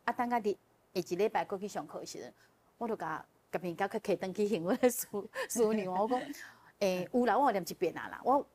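Woman, talk show guest, lively storytelling, chuckles often, mid-pitched voice. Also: a little fast. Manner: animated, often laughing, with vivid emotional retelling. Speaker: guest sharing a personal testimony. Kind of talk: casual spoken storytelling.

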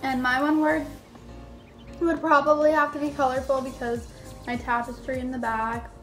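Her voice is high-pitched, level and fairly bright, and she moves at a moderate pace as she chats casually with her viewers. The young adult YouTuber fills her talk with "like," recording on a phone at arm's length in a small indoor bedroom with music in the background.

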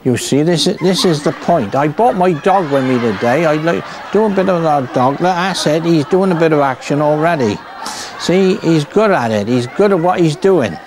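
With a fairly high, expressive voice at normal speed, a comic performer in a Somerset accent plays a cheery, muddled country farmer in a stage comedy act. His folksy rambling leans on tags like "see" and "look." Behind him are piano music, crowd noise, and general background noise.

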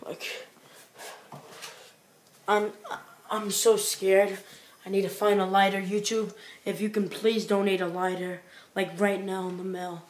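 A woman's voice: medium pitch, little pitch movement, a little slow. A woman recording a late-night video diary, talking in frightened whispers and stammering often. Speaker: vlogger.

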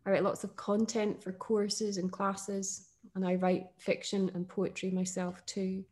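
A woman's voice: medium pitch, level tone, a little slow. Enthusiastic Northern English woman host. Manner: thoughtful, enthusiastic, with fillers and soft laughs. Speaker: podcast host. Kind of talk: casual conversation about poetry.

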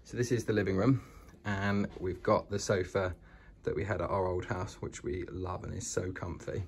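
Walking through an old house on a vlog tour, a British man speaks informally and with enthusiasm. His voice sits low and gravelly with a breathy edge, level in tone and at normal speed. It's captured on a noisy handheld recording indoors.

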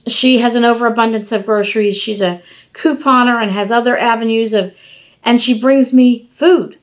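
A woman in her fifties giving an informal devotional talk at home, animated and conversational, speaking to the camera from across a table. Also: fairly high pitch, normal speed. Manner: animated, gesturing, conversational preaching. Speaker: devotional podcast host. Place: home dining room, indoors.

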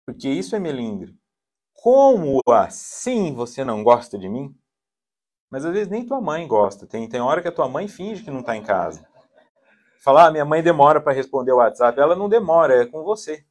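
A man giving a psychology talk at a spiritist center, animated and acting out quoted voices with a shifting tone. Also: a little high, moderate pace.

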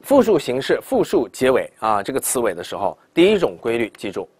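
A man gives a lively classroom lesson on English pronunciation, with his pitch moving animatedly as he explains. He drags out the example words slowly so students can copy them, and he keeps checking in with quick questions. The sound is dry and close. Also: slightly rough, dry recording. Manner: asks rhetorical checks like "right?" and "对不对".

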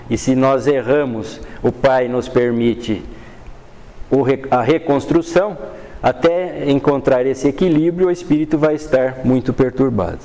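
An older man with a Brazilian Portuguese accent teaches a study group. He reads passages from a spiritist book aloud, then explains them calmly, often adding "né". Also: mid-range voice. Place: dim classroom with a projector screen.

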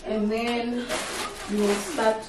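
Telling a story to the camera at home, this young woman speaks slowly in a fairly high, level voice, slipping in Setswana phrases as she chats. The tripod camera nearby in her kitchen and living room picks up heavy background noise.

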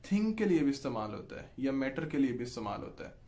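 A man with a Pakistani Urdu accent teaches an online lesson in an unhurried, explanatory way. His voice sits at an ordinary middle pitch. He keeps pausing to check that the listener is following. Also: very animated, warm tone. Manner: patient, repeats "ठीक है जी" to check in, draws out example sounds. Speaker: language teacher.

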